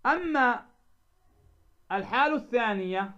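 High-voiced man teaching Quran recitation. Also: lively intonation, sharp tone. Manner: asks the class questions and lets them finish; slows down to sound out example words. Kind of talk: tajweed lesson explaining a didactic poem. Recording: dull lo-fi recording.

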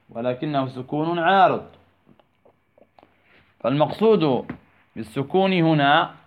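A man teaching tajweed, drawing out words and asking rhetorical questions that he answers himself, repeating key terms. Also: a little high. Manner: slow, drawn-out phrasing. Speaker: Quran recitation teacher. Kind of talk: tajweed lesson, explaining verses of a poem. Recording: tinny phone-like recording.

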